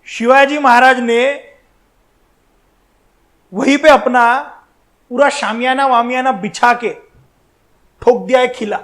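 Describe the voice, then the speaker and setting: A man giving a history lecture in a colloquial storytelling style, animated and speaking straight to his listeners with slangy asides. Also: extremely high pitch, takes it slowly, long pauses. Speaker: history educator.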